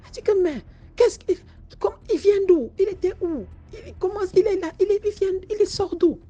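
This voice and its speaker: Une femme qui joue une jeune femme terrifiée, qui panique et enchaîne des questions affolées. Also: female voice, very high voice, lively intonation, very fast, warm tone, dull audio, pitched above the performer's own voice. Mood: hysterical. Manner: frantic, repeated questions. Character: terrified young woman, panicking and shrill.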